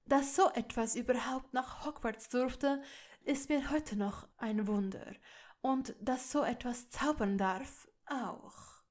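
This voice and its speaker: A woman plays a haughty older aristocrat in an audiobook, full of scorn and raising his voice. He speaks slowly and fairly high, each word dripping with contempt. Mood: sneering. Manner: loud, sneering, raised voice. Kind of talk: audiobook reading of fan fiction.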